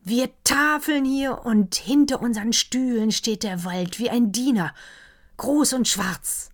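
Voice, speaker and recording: A gushing, rapturous doctor, a grown man who can't contain his enthusiasm, as a woman narrator puts him on. He speaks high and loud in this audiobook, with a slightly gravelly edge and an unhurried lilt. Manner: effusive, exclamatory. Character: excitable middle-aged male doctor, gushing. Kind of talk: audiobook reading.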